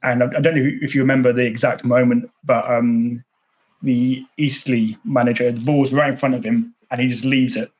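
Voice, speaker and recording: A man's voice: mid-range voice, flat delivery, normal speed, a little mellow, rough recording. A man hosting a football podcast, chatting enthusiastically as a fan and often repeating words as he goes. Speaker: podcast host. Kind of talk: casual interview.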